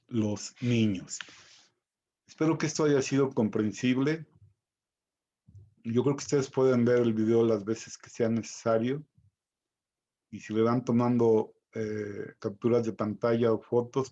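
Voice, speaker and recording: A man teaching a recorded Greek vocabulary lesson, spelling out each pronunciation slowly and carefully. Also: medium pitch, warm tone, highs cut off.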